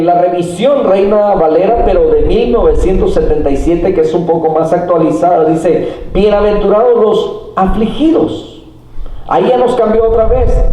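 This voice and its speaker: Unhurried pastor in an echoey church. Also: male voice, sits high, warm tone. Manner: unhurried teaching with frequent fillers and rhetorical questions. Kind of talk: sermon. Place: church hall. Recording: echoey hall, mic far off.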